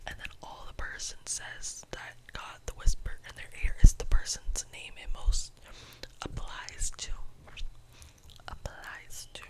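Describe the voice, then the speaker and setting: Young adult ASMR creator, fully whispered through cupped hands, breathy and close, lingering on repeated phrases. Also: rough recording. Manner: repeats phrases slowly for effect.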